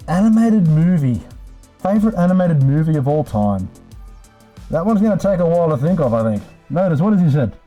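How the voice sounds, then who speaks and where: A live streamer with a high, dark-toned voice hosts a laid-back session, swearing freely and addressing viewers as mates. Music runs in the background.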